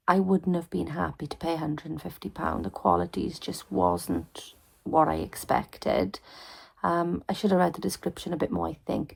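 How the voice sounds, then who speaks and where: A tired young woman chatting softly to camera from her bedroom at night, often half-whispering in a sleepy, rambling way. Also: lowish voice, gravelly, husky. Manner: soft, rambling, sleepy talk with many ums. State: tired, yawning. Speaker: family vlogger.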